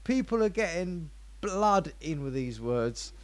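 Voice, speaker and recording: Rambling man, fairly high voice. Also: slow, dry recording. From England. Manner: rambling, animated, playful storyteller. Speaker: radio show co-host. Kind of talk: casual joking chat.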